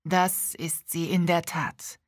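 A woman voicing a kindly, mysterious old man who speaks slowly and thoughtfully. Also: fairly low pitch, no echo, clean studio sound, close to an everyday voice. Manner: slow, thoughtful delivery.

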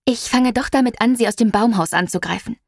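A woman voicing an excitable teenage girl, the narrator's clever best friend, who lays out plans eagerly and a little breathlessly. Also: fairly high pitch, brisk, gravelly, dry recording, clean studio sound, voice pushed up.

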